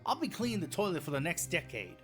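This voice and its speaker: A man's voice: fairly high pitch, sing-song, fast, fairly bright tone, soft background music. A man voicing a reluctant, grumbling young male defense attorney in fan game voice acting. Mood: grumpy.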